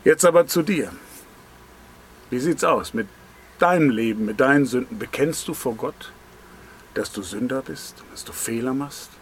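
A man's voice: medium pitch, measured pace, pauses often, a little hiss or hum. A man preaching a devotional sermon, earnest and direct, asking the listener pointed questions. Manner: pointed, emphatic phrasing. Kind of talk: devotional sermon on a Bible verse.

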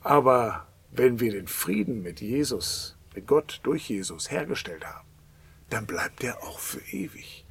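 A man's voice: medium pitch, very animated, a little slow, gravelly, fairly bright tone, slightly rough. A man preaching a sermon, emphatic, often dropping to a whisper at the end of a phrase.

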